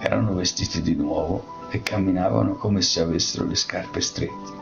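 A man narrating a story aloud in a measured way, with small restarts. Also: low voice, vocal fry. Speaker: audiobook narrator. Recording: dull lo-fi audiobook with faint music.

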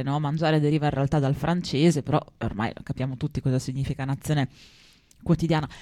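A woman's voice: deep voice, darkish tone, dry recording. Woman podcaster chatting n reading definitions, wearing a retainer so speech is a bit off, irreverent, dry sound. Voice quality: speech slightly impaired by a dental retainer. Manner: wry, irreverent, stumbles over words while reading. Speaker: podcast co-host. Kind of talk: casual chat, reading out definitions.

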